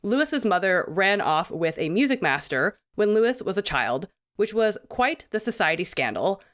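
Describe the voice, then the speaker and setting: A woman's voice: medium pitch, very animated, moderate pace. Chatty woman podcaster with a sick voice. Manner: chatty, self-mocking, laughs often. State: sick, voice still recovering. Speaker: podcast co-host. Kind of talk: casual podcast chat.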